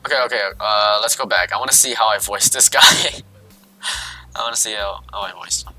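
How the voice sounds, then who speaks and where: A man's voice: on the low side, brisk, bright, forceful tone. A man streaming, reading a visual novel aloud with casual, self-mocking asides. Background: faint game music.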